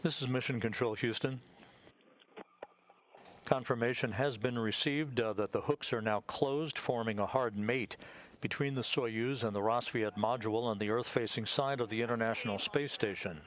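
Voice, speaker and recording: A man's voice: mid-range voice, normal speed, a little hiss or hum. A man, speaking as a mission control commentator in live coverage of a spaceflight.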